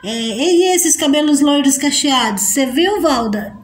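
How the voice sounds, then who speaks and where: A woman with a high, bright voice chats through a live stream and greets viewers by name. She laughs often and sounds affectionate. The sound is roomy, with a noticeable echo. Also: animated, measured pace. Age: adult mother. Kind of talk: casual live stream chat reading out viewer comments.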